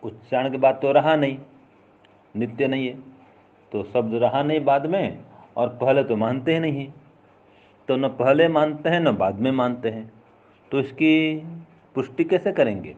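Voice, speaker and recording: A man teaches a classical philosophy text in a patient, repetitive way, going over each idea with simple everyday examples. His voice sits at a middle pitch. The recording is a little dull and lo-fi. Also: measured pace, pauses often.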